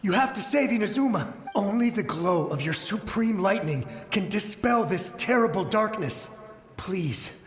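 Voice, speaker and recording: An actor playing a desperate, wounded soldier who pleads urgently. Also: male voice, high voice, expressive, unhurried, soft background music. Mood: pleading. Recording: echoey reverberant space.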